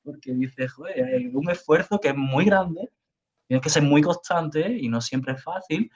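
A man's voice: on the high side, a little slow, breathy edge. Emphatic man on dull lo-fi audio. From Spain. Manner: emphatic, repeats words for stress. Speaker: university professor, interview guest. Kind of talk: conversational interview.

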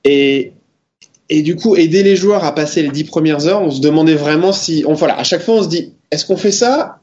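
A man giving casual interview answers in halting, out-of-practice French, dropping in English terms. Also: fairly high pitch, darkish tone, dull audio. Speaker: interview guest, game developer.

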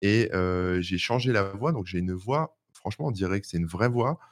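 Very deep-voiced rambling man. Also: moderate pace. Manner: rambling, filler-heavy. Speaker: podcast co-host. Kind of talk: casual tech chat.

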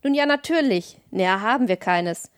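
A woman voicing a gruff, good-natured old male forester in an audiobook, with folksy, blunt talk. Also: medium pitch, animated, moderate pace, no echo, clean studio sound, natural voice. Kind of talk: audiobook reading.

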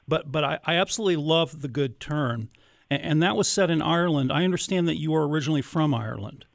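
Guy hosting a radio interview, creaky voice, kinda halting and thoughtful, very dry sound. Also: on the high side, animated, dry recording. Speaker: radio show host.

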